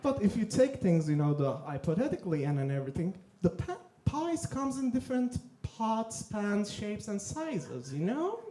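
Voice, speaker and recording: A stand-up comedian from Turkey with a Turkish accent, telling deadpan jokes in a halting way with many fillers on a theater stage. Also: male voice, high voice. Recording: echoey theater room.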